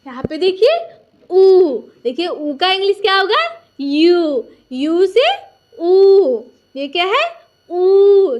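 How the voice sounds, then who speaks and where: A woman teaching a recorded lesson, patiently repeating each point and asking and answering her own questions. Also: very high-pitched.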